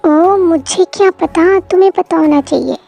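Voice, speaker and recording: A woman's voice: extremely high pitch, normal speed, gravelly, warm tone, soft background music. A woman voicing a playful, clingy young newlywed wife who pleads and teases in a fan audio drama. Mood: whiny teasing. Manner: whiny, pleading, teasing.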